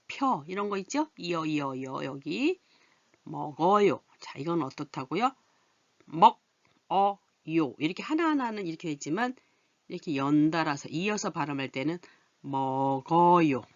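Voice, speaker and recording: A woman teaching a reading lesson to adult learners, patiently explaining and reading words aloud slowly, again and again. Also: lowish voice, dry recording, highs cut off. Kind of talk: recorded Korean lesson.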